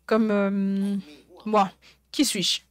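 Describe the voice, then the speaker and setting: A French voice-over dubs a preacher's sermon in a conversational style, often checking in with listeners through questions and restating points. The voice is medium-pitched, level and smooth, and extremely slow.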